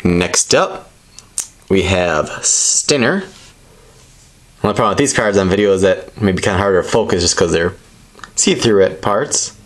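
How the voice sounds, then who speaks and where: A man's voice: low-pitched, moderate pace, long pauses. A man giving casual, unscripted commentary as he presents trading cards, explaining things in a rambling, tentative way. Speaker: presenter opening trading card packs.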